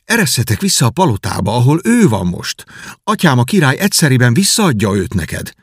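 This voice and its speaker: A man's voice: medium pitch, very animated, husky, dry recording, studio quality. Guy doing a stubborn little prince, proud and formal, storybook reading. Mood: gentle. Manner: haughty, dignified.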